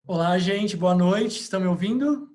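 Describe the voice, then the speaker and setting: A Brazilian man talks on a video call, his voice a bit higher than most men's. He is relaxed and informal, dotting his speech with fillers as he presents his clinic's work. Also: normal speed. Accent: Brazilian Portuguese. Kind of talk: online meeting talk.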